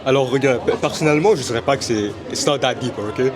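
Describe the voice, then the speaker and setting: A young man, a student, answering an interview question in a relaxed, laid-back way. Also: medium pitch, fast talker. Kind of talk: casual street interview. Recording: noisy crowded outdoor spot.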